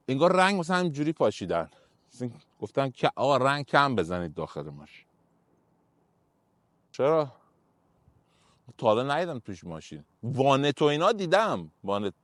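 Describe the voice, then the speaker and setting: A man's voice: mid-range voice, no room sound. Chatty Iranian man reviewing a car. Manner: chatty, opinionated, pointing things out. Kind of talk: casual walkaround car review.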